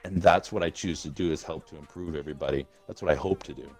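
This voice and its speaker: A gaming community leader talks casually with his group over voice chat, rambling, swearing, and restarting his words often. His voice rumbles low with a breathy edge, and he speaks at a quick pace. Faint music plays behind him.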